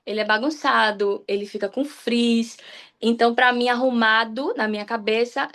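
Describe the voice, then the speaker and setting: A woman's voice: on the high side, fairly even intonation, moderate pace, fairly bright tone. A young woman from Salvador, Bahia, giving a personal devotional talk on a church livestream, speaking candidly and often restarting her sentences. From Salvador, Bahia, Brazil. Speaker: guest preacher on a church livestream.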